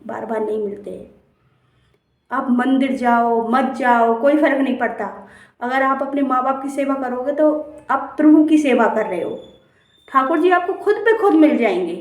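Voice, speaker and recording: A woman speaking as a devotional speaker, giving an impassioned, earnest moral appeal and repeating phrases for emphasis. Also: high-pitched. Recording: roomy, from a distance.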